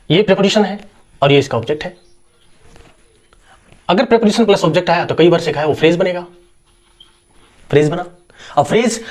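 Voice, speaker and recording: A man's voice: a little high, darkish tone. A young man teaching a grammar lesson, explaining step by step, asking rhetorical questions and answering them himself. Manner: reassuring fillers and repeated checks. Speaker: English teacher.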